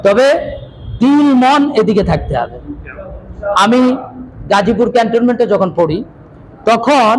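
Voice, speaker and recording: A man teaching a Quran reading class, drilling letter rules loudly and having the students repeat after him. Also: high-pitched, low-quality recording. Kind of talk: classroom teaching with call and response. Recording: loud room noise and crowd.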